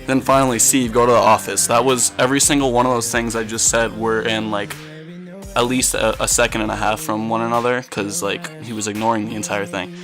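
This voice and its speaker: Teen guy doing casual video commentary, rambly story, slangy and a bit sweary, music low in the back. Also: level tone, fairly quick. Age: teenager. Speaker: gameplay commentary video creator.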